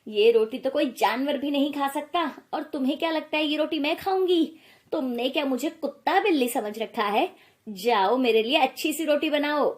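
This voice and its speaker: Woman voicing a middle-aged mother-in-law, scornful, nagging, fairly high voice, animated storybook. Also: moderate pace, close to an everyday voice.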